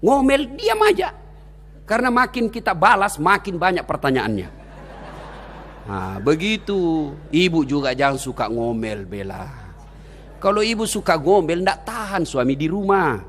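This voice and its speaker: A male preacher, giving a comedic sermon in an animated, joking style, often shouting, in a large hall. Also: fairly high pitch, a little slow, slight background noise. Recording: long hall reverb.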